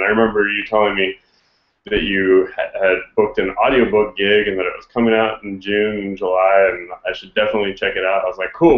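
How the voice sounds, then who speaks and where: A man hosting a casual chat, relaxed and hesitant, with many fillers and restarts. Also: low voice. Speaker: host. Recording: roomy, dull lo-fi sound.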